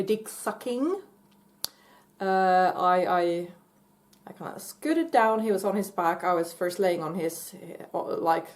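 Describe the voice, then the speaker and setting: A woman casually telling a personal story in a halting way, full of fillers and restarts and breaking into giggles. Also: mid-range voice, darkish tone. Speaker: vlogger.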